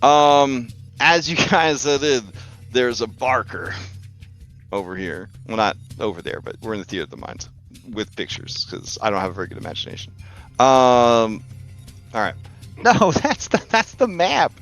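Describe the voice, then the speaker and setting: A man's voice: medium pitch, expressive, moderate pace, a bit bright, soft background music. A man running a tabletop game as game master, narrating casually with rambling, joking, sometimes profane asides.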